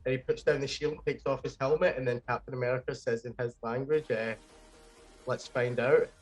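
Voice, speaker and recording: A man hosting a casual pop-culture podcast, talking with enthusiasm in quick bursts. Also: medium pitch, steady tone. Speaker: podcast host.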